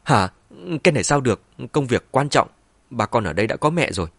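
For an audiobook, a man voices a ruthless, two-faced middle-aged woman, swinging between cold menace and false wailing with an insistent mood. His medium-pitched voice is expressive, fairly quick and fairly bright, recorded with no echo.

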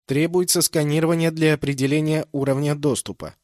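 A man's voice: on the high side, steady tone, fairly quick, darkish tone, no room sound, studio quality, pitched above the performer's own voice, natural voice. A man voicing a terse, touchy female ship computer in an audiobook, with formal, clipped announcements. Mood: official. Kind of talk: audiobook character voice.

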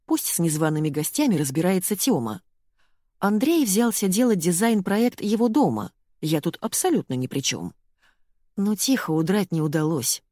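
A woman narrating a first-person comic novel as an audiobook, in a wry and expressive manner. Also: lowish voice, moderate pace, dry recording, studio quality.

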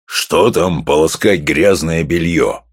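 A man reading an audiobook, voicing a gruff, domineering middle-aged professor who growls and mocks. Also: very deep voice, takes it slowly, no echo, studio quality, pitched below the performer's own voice, full character voice. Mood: gruff mocking. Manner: growling, mocking.

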